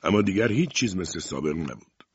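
A man reading an audiobook aloud, narrating in a measured, calm manner. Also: low voice, husky, no echo, dull audio.

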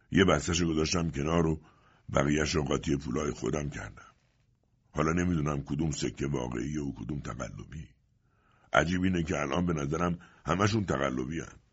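A man voicing an old merchant father who talks in a low, heavy, resigned way, in an audiobook. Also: breathy edge, lo-fi sound, exaggerated voice. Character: old weary merchant father, despairing and quiet.

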